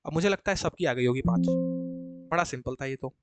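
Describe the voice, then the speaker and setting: A man's voice: mid-range voice, a little fast, dry recording, soft background music. A male chemistry teacher explaining to students in a live class, chatty and coaxing, often repeating points and quizzing them. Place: coaching classroom.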